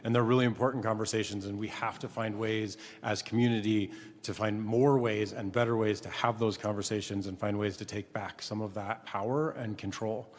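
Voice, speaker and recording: Low, flat-voiced man in a council chamber. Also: long reverb tail. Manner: measured, earnest, with frequent "um" fillers. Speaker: city council president chairing a meeting. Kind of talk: formal council meeting remarks.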